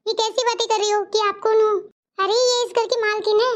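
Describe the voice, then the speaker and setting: A polite young daughter-in-law from a cartoon story, voiced by a woman. She speaks in a dutiful, pleading manner. Her cartoon voice is very high and squeaky. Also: fairly even intonation, a little fast, background noise. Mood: scolding.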